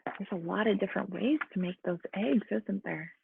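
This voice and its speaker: Speaking at a moderate pace with a creaky, medium-pitched voice, a woman teacher encourages young children through a lesson and a storybook read-aloud. The sound is muffled and narrow-band like a phone, with background noise.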